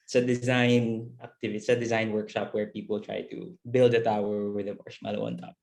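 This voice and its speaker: A man's voice: fairly low pitch, level tone, fairly quick, vocal fry, a little mellow. A man with a Filipino accent casually hosting an online game, mixing Tagalog and English. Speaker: host of an online workshop game. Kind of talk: casual live event hosting. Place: video call.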